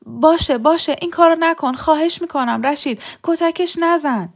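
A desperate young wife begs a man to stop, as a woman reading the story voices her. Her pleas rise high and loud with urgent strain, an audiobook character close to panic. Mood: pleading.

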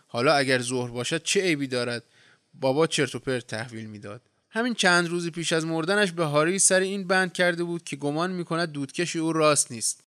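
A man reading a story aloud in a measured, even way. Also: fairly high pitch, clear, resonant tone, dry recording, studio quality. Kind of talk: audiobook narration.

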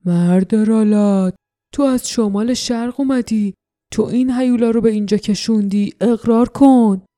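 A woman's voice: fairly high pitch, fairly even intonation, dark tone, lightly acted. A woman doing a growling hulking warrior man. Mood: accusing. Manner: growling, grumbling. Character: gruff hulking male warrior, quick to anger.

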